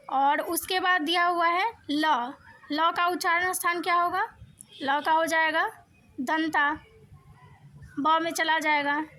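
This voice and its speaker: High, bright-voiced woman teaching Sanskrit grammar. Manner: reads each question, then gives and explains the answer; mixes Hindi explanation with recited Sanskrit. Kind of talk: exam question walkthrough.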